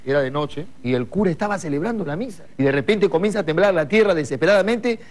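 A man telling jokes casually, animated and laughing into his punchlines, on a noisy recording. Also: fairly high pitch, fast talker. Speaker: joke teller.

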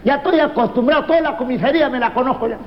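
A man's voice: very high-pitched, rapid-fire, slight background noise. A man doing a stand-up comedy monologue, delivering self-mocking punchlines. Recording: reverberant dull live recording with loud ambience.

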